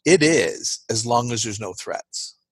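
Male guest expert, husky, earnest explainer, dry close sound. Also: mid-range voice, expressive, measured pace, no room sound. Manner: earnest, explains with rhetorical "right?" checks. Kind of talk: explanatory interview talk.

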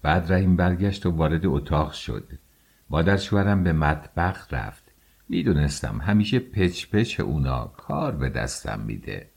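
Man, audiobook narrator, deep voice, husky, measured. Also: animated, a little mellow. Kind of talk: scripted narration.

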